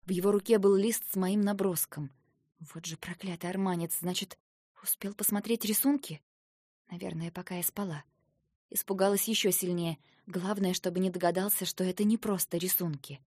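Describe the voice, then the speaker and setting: A woman narrates first-person fiction in a soft, subdued reading voice, pitched a little low. The recording is dry and close, with no room sound. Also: fairly even intonation, normal speed, no echo. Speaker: audiobook narrator.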